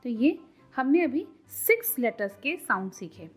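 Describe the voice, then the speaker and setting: A woman teaching phonics to parents as a channel host, sounding out letters slowly and repeating each one. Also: high-pitched, very animated, soft background music. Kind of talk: tutorial lesson for parents.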